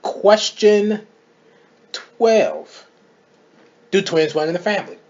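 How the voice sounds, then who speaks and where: A man co-hosting a casual chat, telling family stories with emphatic, animated delivery. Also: high voice, slow. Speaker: co-host. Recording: dull lo-fi recording.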